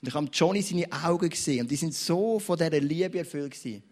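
A young man with a Swiss German accent preaching a sermon in church, telling stories with big swings between loud and quiet. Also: fast talker. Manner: animated, storytelling, wide swings in pitch and loudness.

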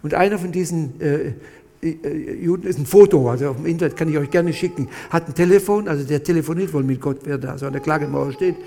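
A man tells his own life story to a gathered audience. His voice sits a little high, and he talks in halting bursts, turning often to his listeners. The sound carries a long hall echo. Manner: animated, halting storyteller, addresses listeners directly. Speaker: speaker giving a testimony. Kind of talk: personal testimony to an audience.

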